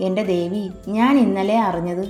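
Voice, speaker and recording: A woman voicing a kind young man who talks to his mother calmly and reassuringly. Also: mid-range voice, moderate pace, natural voice. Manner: calm, reassuring. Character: kind young man, gentle and teasing son. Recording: echoey room with soft music.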